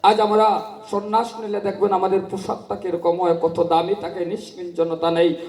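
A man giving a devotional storytelling sermon at a memorial gathering, slow and sing-song, rising in fervor. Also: high voice, level tone, darkish tone. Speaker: kirtan preacher. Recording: echoey hall, mic from a distance.

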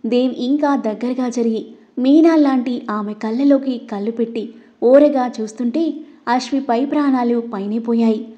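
Female host narrator for a drama story, raised pitch, muffled sound. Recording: dull lo-fi recording.

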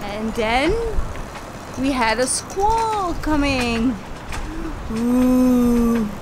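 A high-voiced woman talks slowly and easily, with plenty of fillers, as she narrates a sailing vlog. Loud outdoor noise runs behind her on a boat in a harbor. Her delivery stays casual and unhurried. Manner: relaxed, hesitant with fillers. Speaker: sailing vlogger.

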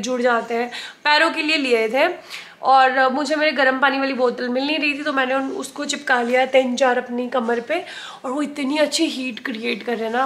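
High-voiced chatty woman in echoey kitchen. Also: sharp tone. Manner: chatty, mixing in English words. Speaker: cooking vlogger. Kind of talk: casual cooking vlog chat. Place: home kitchen, indoors. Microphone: camera across the kitchen.

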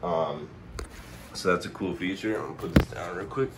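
A man's voice: sits low, normal speed. A hungover man giving a casual, off-the-cuff how-to at home in a laid-back, rambling, slangy way. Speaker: presenter of a home stereo tutorial. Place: indoors at home, behind the camera. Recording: noticeable background noise, handheld home video.

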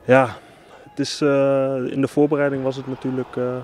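A man's voice: mid-range voice, flat delivery, moderate pace, a little mellow, a little hiss or hum. A young man, a footballer, answering interview questions hesitantly with many fillers.

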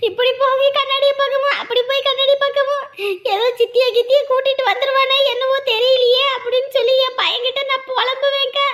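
A panicked village wife, played by a woman in a rural drama, her very high voice breaking into wails and pleading lines. She sounds frantic and fearful throughout. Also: flat delivery, fairly quick, a bit bright. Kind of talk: rural Tamil drama acting.

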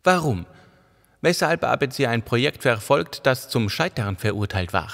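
A man voicing a calm, sharp-minded woman investigator in an audiobook, asking questions in a measured way. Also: mid-range voice, creaky, long reverb tail, heavy background noise. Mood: pressing.

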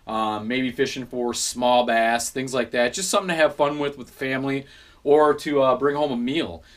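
A man in his thirties, host of a fishing channel, talks casually to the camera about his gear. He is easygoing and fills his talk with ums and quick self-corrections, and he is recorded by a camera a few feet away in a small room at home. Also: mid-range voice. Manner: relaxed, many fillers and self-corrections.

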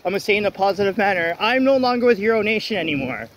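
A man's voice: high voice, animated, racing, fairly bright tone, slight background noise. A man vlogging outdoors on a wet city street at night while walking, talking bluntly and ranting with many restarts. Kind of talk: walk-and-talk vlog rant. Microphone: phone held while walking.

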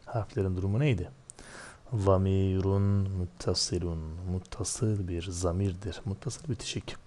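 A man teaching Arabic grammar, asking and answering his own questions, slowing down over each term. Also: low-pitched, steady tone, a little mellow. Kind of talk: grammar lesson, explaining line by line.

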